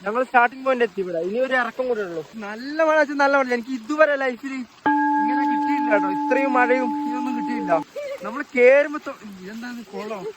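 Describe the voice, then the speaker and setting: A man with a strikingly high voice vlogs casually from a rainy hilltop outdoors. He exclaims often as he talks to viewers into a handheld phone. Loud outdoor noise of rain and wind sits under his voice. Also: fast talker. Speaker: vlogger. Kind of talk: casual travel vlog commentary to viewers.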